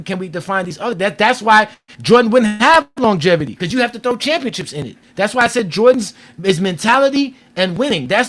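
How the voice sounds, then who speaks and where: A man's voice: sits high, a bit bright. A man in his forties, host of a sports debate show, arguing insistently and repeating his points. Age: 40s. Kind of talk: heated debate.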